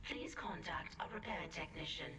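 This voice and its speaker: A woman voicing a game's ship computer, giving flat, clipped system status announcements in a synthetic, machine-like voice. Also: fairly low pitch, normal speed, a little hiss or hum. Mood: announcing. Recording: distant voice over loud game music.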